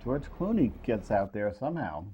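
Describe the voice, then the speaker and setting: A man's voice: mid-range voice, sing-song, normal speed, mellow. A man in his forties hosting a casual podcast, teasing and laughing often. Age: 40s. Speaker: host. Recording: dull lo-fi recording.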